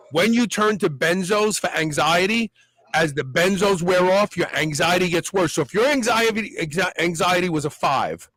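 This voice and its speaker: A man's voice: on the high side, low-quality recording. A man hosting a health talk show, talking casually and acting out the voices in people's heads as he explains. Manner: animated, acts out inner voices. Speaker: podcast host.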